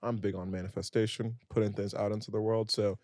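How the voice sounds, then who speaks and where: A man's voice: fairly low pitch, little pitch movement, fast talker, a little mellow, dry recording, clean studio sound. Laid-back young man hosting a podcast. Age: 20s. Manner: laid-back, teasing, laughs along. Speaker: podcast host. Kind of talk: casual interview.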